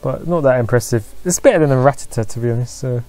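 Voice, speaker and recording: A man's voice: mid-range voice, quick pace, mellow, soft background music. A man hosting a let's play, giving casual commentary and reading game text aloud with wry remarks.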